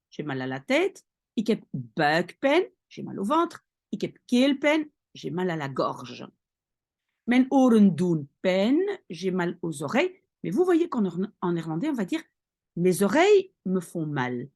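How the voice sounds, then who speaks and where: A woman teaching vocabulary in an online lesson. She explains patiently, reads each phrase slowly, translates it, and often checks in with "d'accord?". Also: medium pitch, darkish tone. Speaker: language teacher.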